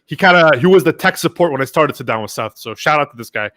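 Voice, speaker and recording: A young man with a slightly high voice speaks at a quick pace as a podcast guest. In this casual storytelling interview he is animated, performing the things his friends said.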